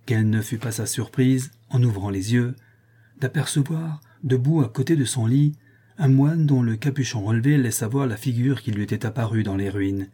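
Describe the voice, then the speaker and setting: A man narrating a classic novel as an audiobook, in a measured literary reading. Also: medium pitch, mellow, husky.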